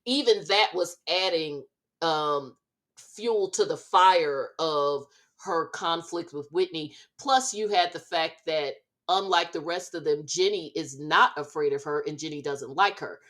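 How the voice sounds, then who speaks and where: A woman co-hosting a podcast, recapping reality TV in unhurried, measured casual chat with frequent fillers. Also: deep voice, fairly bright tone. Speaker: podcast co-host.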